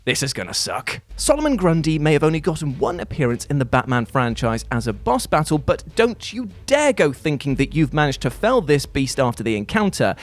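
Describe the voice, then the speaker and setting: A man's voice: a little high, sing-song, a little fast, few pauses. A man hosting a scripted video game countdown in a playful, jokey, theatrical manner. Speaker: host.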